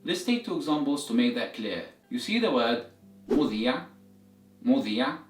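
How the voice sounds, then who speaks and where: A man's voice: medium pitch, very animated, brisk. A man giving a step-by-step language lesson as a teacher, explaining methodically and repeating examples for learners. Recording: roomy echo, distant mic, music behind.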